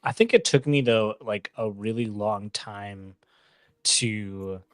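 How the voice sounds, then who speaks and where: A man's voice: lowish voice, no room sound. A man from California, chatting casually and reflectively with many fillers. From West Coast, California. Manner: reflective, filler-heavy, drawn-out phrasing. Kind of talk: casual chat.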